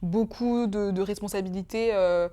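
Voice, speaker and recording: A woman in her twenties from Congo, a guest in an emotional interview, speaks in a mellow, medium-pitched voice with fairly even intonation at a moderate pace. She is hesitant, with many fillers and restarts.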